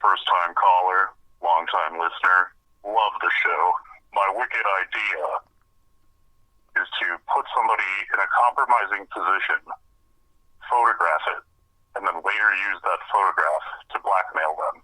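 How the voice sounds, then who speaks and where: An anonymous male caller leaving a short, formal listener message through a disguised deep voice. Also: fairly even intonation, normal speed, sharp tone, no room sound, poor audio.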